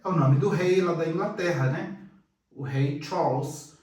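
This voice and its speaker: Slow-talking Brazilian English teacher, echoey room. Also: male voice, fairly high pitch, darkish tone, distant mic. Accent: Brazilian Portuguese. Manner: slow, drills words twice then translates. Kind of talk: pronunciation lesson. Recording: echoey room, voice away from the mic.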